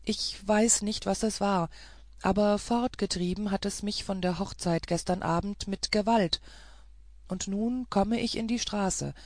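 A woman's voice: medium pitch, steady tone, unhurried, no echo, studio quality, natural voice. A woman voicing an honest, frightened male house servant who tells his story in an agitated rush in a storybook reading.

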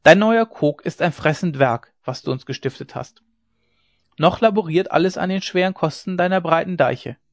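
Stubborn storybook councillor, dry and scornful, a man voicing him. Slightly high, on a dry recording. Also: no echo, close to an everyday voice.

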